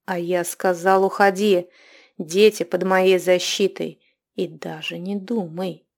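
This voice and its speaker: A proud male ghost from an audiobook, icy and scornful, turning loud and sharp when angered, as a woman reader plays him. He commands rather than pleads. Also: medium pitch, normal speed, close to an everyday voice. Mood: commanding. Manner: cold and scornful, raising the voice in anger. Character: proud, cold male ghost, a shape-shifter.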